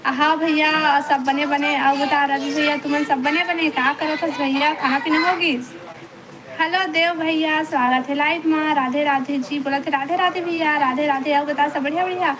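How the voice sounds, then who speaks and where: A woman with a Chhattisgarhi accent, chatting on a phone live stream, greeting viewers by name and coaxing them to stay. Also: high-pitched. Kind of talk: casual live chat reading viewer comments. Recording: noisy live-stream audio.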